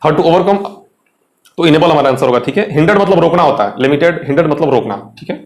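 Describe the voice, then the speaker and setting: Brief: young Indian male teacher, chatty exam lesson, fairly high voice, echoey room. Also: expressive, fast. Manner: chatty, asks students questions, Hindi mixed with English. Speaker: English teacher. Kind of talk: exam lesson explaining vocabulary.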